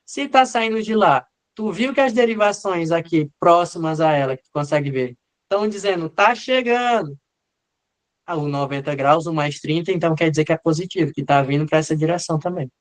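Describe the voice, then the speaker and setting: High-voiced man teaching casually. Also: a little fast. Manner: informal, answers students by name, acts out leads speaking. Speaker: medical lecturer. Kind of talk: live online class.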